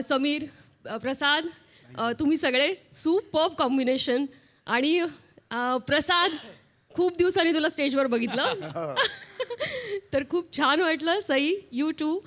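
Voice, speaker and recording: A woman's voice: high-pitched, slow, fairly bright tone. A woman guest giving effusive, delighted feedback on a comedy performance.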